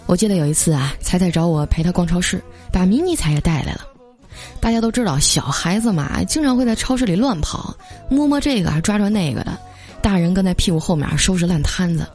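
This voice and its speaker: A woman's voice: on the low side, brisk. A young woman hosting a podcast, reading funny everyday anecdotes in a chatty storytelling manner, with light music underneath. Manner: chatty storytelling with lively quoted voices. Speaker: podcast host.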